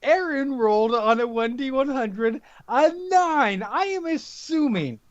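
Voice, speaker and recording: A man's voice: very high voice, lively intonation, a little slow, dry recording, dull audio. A man playing a tabletop roleplaying game, chatting casually in a hesitant, wry way with some swearing.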